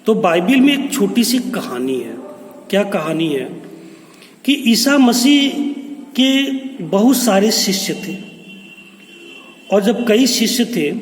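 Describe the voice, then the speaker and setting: A man's voice: high-pitched, expressive, slow pace, long pauses. A man teaching English poetry, explaining each word in Hindi and telling a story to his students. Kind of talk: poem explanation lesson. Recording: echoey room with long reverb.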